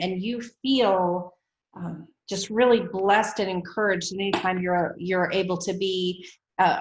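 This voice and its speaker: A woman hosting a book club on a video call, chatty and upbeat with frequent ums. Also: mid-range voice. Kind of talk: casual chat on a video call. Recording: roomy video call audio.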